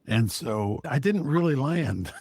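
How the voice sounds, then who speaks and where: A man's voice: mid-range voice, lively intonation, takes it slowly, a little mellow, slightly rough, no room sound. A man, a storyteller and co-host, talking casually in conversation.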